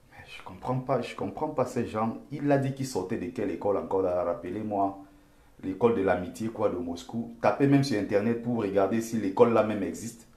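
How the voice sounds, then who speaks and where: A man's voice: mid-range voice, echoey room. A man from Cameroon with a Bamileke accent, giving impassioned live-stream commentary. He talks emphatically, repeats himself and pleads with his viewers.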